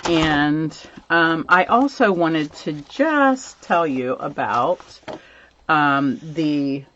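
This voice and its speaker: Speaking very slowly in a low-sitting, fairly bright voice with lively intonation, a woman runs a home live stream teaching stamping and showing off craft supplies. She chats, greets viewers by name, says um a lot, and mentions she's losing her slightly worn voice. The highs are cut off, with slight background noise.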